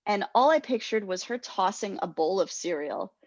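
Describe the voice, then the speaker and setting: A young adult woman co-hosting a podcast tells a rambling, self-deprecating story full of laughter in a casual storytelling chat. Her medium-pitched voice has lively intonation and a normal speed. There's no room sound, but the recording is muffled.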